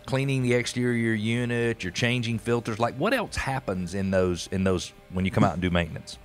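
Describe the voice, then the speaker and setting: A man's voice: mid-range voice, fairly quick, soft background music. A middle-aged man hosting a radio interview, asking questions in a curious, conversational way from a small studio on a broadcast mic. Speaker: radio show host. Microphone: studio broadcast mic with headphones.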